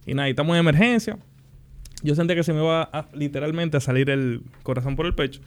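A young man, a podcast guest, telling his story in a relaxed, animated and joking way. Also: fairly high pitch, quick pace. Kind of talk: casual interview conversation.

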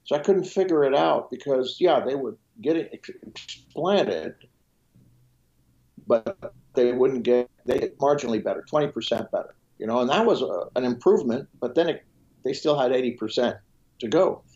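On a podcast, a French-speaking physician explains at a moderate pace in a mid-range, darkish voice with lively intonation, though the recording cuts off the highs. He keeps restarting his thoughts and letting lists trail on.

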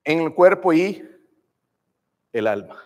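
A man's voice: a little high, lively intonation, slow. A male preacher giving a fervent sermon, calling out to the congregation and asking them to say amen. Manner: fervent, calls out to the congregation with "hermanos" and "amén". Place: church sanctuary. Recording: long reverb of a church hall.

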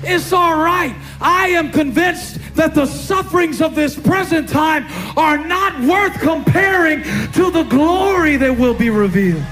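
A man preaching a sermon as a pastor, in a rhythmic style that stacks repeated phrases and climbs to shouts. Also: very high-pitched, lively intonation, measured pace, hardly any pauses, soft background music.

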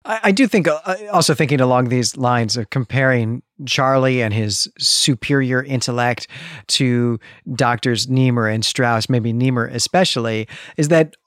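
A podcast co-host with a mid-range voice speaks at normal speed, thoughtfully working through literary analysis in a conversational way. He builds his points in long, rephrased clauses, and the studio-quality audio has no echo.

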